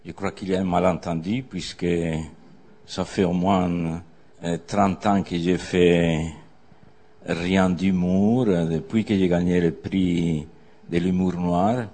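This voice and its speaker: A man's voice: low-pitched, darkish tone. An older man, a guest speaker on a theatre stage, telling meandering, wry anecdotes before an audience with frequent hesitations. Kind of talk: storytelling on stage.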